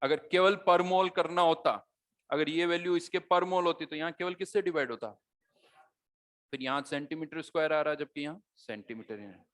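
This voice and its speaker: A man's voice: fairly high pitch, normal speed, a bit bright. A man teaching a chemistry class, explaining concepts conversationally and asking his students rhetorical questions as he goes. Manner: conversational teaching, mixing Hindi with English terms, rhetorical questions. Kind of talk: classroom lecture.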